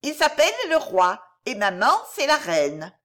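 A woman's voice: medium pitch, very animated, unhurried, fairly bright tone. A woman voicing a frightened little girl lost in the woods, who talks in childlike broken baby talk. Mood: innocent.

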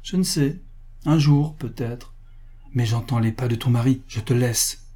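A man voicing a poised, worldly marquise with a calm, wry manner in a read story. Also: mid-range voice, unhurried, lightly acted.

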